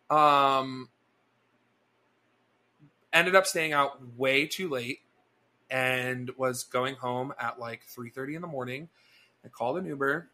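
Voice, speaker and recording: Young guy on a podcast, bright lively voice, telling a story and doing the other people's lines. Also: a little high. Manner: animated, chatty, acts out dialogue. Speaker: podcast co-host. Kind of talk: casual storytelling chat.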